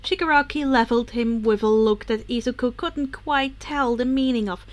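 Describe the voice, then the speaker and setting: High-voiced woman reading fanfiction aloud. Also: moderate pace. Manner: casual, occasionally corrects misreads. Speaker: podfic reader.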